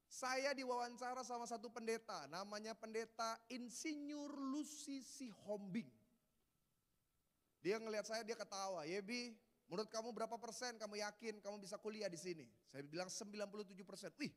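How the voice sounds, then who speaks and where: A pastor with an Indonesian accent preaches a sermon in a church hall, telling funny stories full of humor, laughter, and casual Jakarta slang. His voice is high-pitched and a bit bright, and the recording has a long hall reverb.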